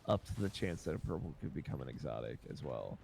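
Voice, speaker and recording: A man's voice: extremely low pitch, very animated, a little fast, vocal fry, a little mellow, slight background noise. A young man chatting casually as a game streamer in an easygoing, slangy way. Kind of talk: casual chat while gaming.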